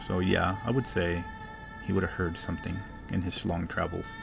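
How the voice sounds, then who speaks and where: Male game master, low creaky voice, slow, halting deliberate narration, tabletop storytelling, faint music. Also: flat delivery.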